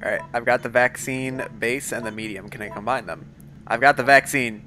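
A man's voice: medium pitch, steady tone, a little fast, bright, forceful tone, a little hiss or hum. A man giving chatty live-stream commentary while playing a video game, talking to his viewers and his pet between moments of play.

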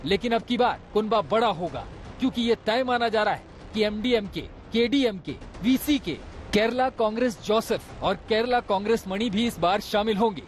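A man's voice: high voice, a little hiss or hum. A male television news reporter reading a formal scripted voice-over report. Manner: brisk formal news delivery.

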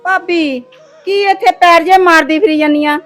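A woman's voice: extremely high pitch, fairly even intonation, normal speed, a bit bright, soft background music. A woman playing a bossy sister-in-law who scolds and orders people around. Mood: scolding. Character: bossy sister-in-law, sharp-tongued and demanding. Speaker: actor. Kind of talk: village short-film acting.

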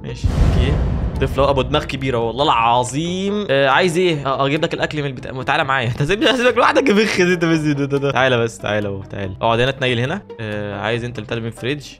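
A man with an Egyptian Arabic accent, commentating a horror game as a video host, excitable and jokey, talking back to the game characters. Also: medium pitch, very fast, music in the background. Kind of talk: let's play commentary.

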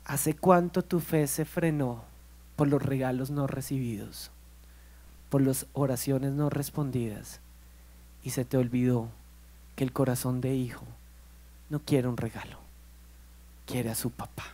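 A man's voice: medium pitch, a little slow, long pauses. A man, preaching a sermon as pastor and telling stories with acted-out dialogue. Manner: animated storytelling, acts out dialogue.

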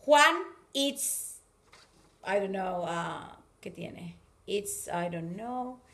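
A woman with a Rioplatense Spanish accent giving a video English class to children, saying English words slowly and with care. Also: medium pitch, expressive, vocal fry, a bit bright, echoey room. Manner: slow, careful, exaggerated English words for children. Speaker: English teacher.

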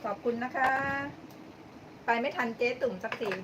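A slightly high-pitched woman speaks at a moderate pace while hosting a live-stream cooking show. She chats casually with viewers as she cooks, thanks them by name, and laughs often. The mic is distant and background noise is clearly audible.

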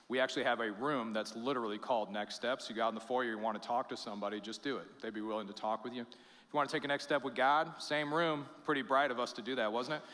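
A man preaching a sermon as pastor, conversational and jokey, turning hushed when he prays. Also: medium pitch. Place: church sanctuary. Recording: long church hall reverb.

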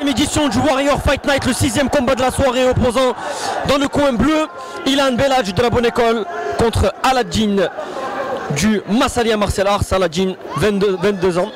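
A man's voice: very high voice, moderate pace. A man giving live MMA commentary, describing each move and often repeating and extending his phrases. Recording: loud crowd around the commentary. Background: loud event crowd.

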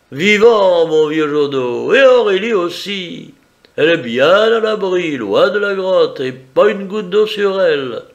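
Arsène Lupin, a man doing a higher voice. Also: lively intonation, slow, dull audio, full character voice. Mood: mocking. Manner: teasing, confident, bargaining. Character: suave, mocking gentleman thief, adult man.

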